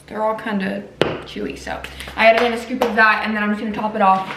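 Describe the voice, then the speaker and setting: A woman's voice: mid-range voice, little pitch movement, fast, roomy sound, background noise. A woman recovering from wisdom teeth removal, chatting casually to camera as she narrates her meals in a food vlog. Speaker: food vlogger.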